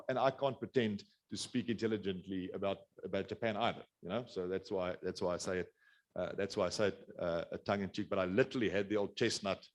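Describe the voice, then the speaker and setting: South african guy giving a webinar talk, deep voice, talks fast, keeps restarting and rambling. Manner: rambling, many restarts and fillers. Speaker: business speaker. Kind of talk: webinar presentation.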